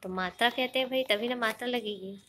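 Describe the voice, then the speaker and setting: A woman's voice: on the high side, fairly quick, sharp tone. A woman teaching an online grammar lesson, explaining step by step, asking the class questions and mixing in English words.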